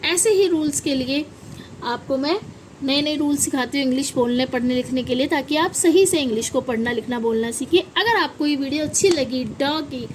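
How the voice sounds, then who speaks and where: A woman's voice: high voice, normal speed, slight background noise, rough recording. A woman teaching English pronunciation in a lesson, repeating each word and quizzing her viewers. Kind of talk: classroom-style lesson with repeated examples.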